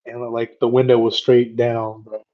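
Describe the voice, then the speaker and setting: A man's voice: mid-range voice, little pitch movement, normal speed, muffled recording, a crowd in the background. A young American man bantering on a podcast like a bragging frat bro, slangy and profane. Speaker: podcast co-host. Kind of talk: casual bantering podcast chat.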